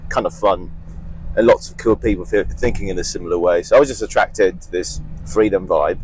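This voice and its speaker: A young man from Eastern Europe chats as a podcast guest. His voice sits fairly low. He talks bluntly, swears freely and mocks himself. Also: brisk, a little hiss or hum, poor audio. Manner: blunt, profane, self-mocking. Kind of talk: casual interview chat.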